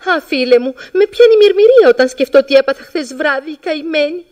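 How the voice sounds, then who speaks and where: An actress playing a chatty middle-aged housewife who tells of a marital squabble in half-sung comic verse. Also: female voice, sits high, lively intonation, a little mellow, muffled recording. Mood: complaining. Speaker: singing comic storyteller. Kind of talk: old-time comic revue with songs.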